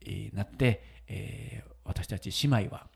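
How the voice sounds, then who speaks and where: A man's voice: lowish voice, a little slow, creaky, husky. A man hosting a casual radio chat, telling a moving story and often breaking into laughter. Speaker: radio show host and wedding photographer.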